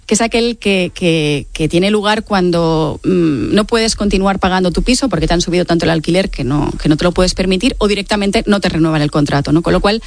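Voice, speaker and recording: Barely pausing, a woman in her late forties talks fairly quickly at a fairly low pitch, with no echo. She is an author from Mallorca with an accent from Spain, answering an interviewer reflectively and often ending with tag questions.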